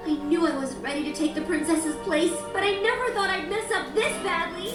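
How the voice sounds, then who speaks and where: Very high-pitched, anxious cartoon pony. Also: female voice, a little fast. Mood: dismayed. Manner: earnest, expressive cartoon delivery. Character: earnest, anxious young female pony princess-to-be. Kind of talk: animated cartoon acting. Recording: echoey distant cartoon playback over music.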